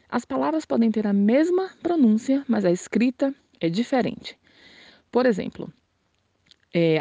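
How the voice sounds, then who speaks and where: Brief: female language teacher, warm dark tone, dry close sound, friendly and clear. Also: medium pitch, no echo. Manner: slow, careful model pronunciations; friendly, addresses viewers directly. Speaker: Spanish teacher. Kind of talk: casual video lesson.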